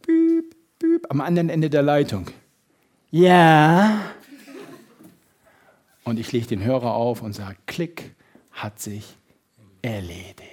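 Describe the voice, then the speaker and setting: A man giving a motivational sales seminar, lively and full of emphasis, acting out little everyday scenes. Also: mid-range voice, unhurried. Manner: lively, shifts loud and soft for emphasis, acts out little scenes. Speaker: sales trainer.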